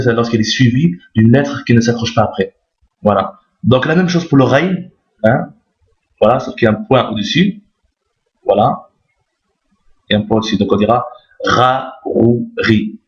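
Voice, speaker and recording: A man teaching how to read Arabic letters, explaining step by step, repeating key points and often checking that listeners follow. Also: medium pitch. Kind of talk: step-by-step lesson. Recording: roomy, dull lo-fi sound.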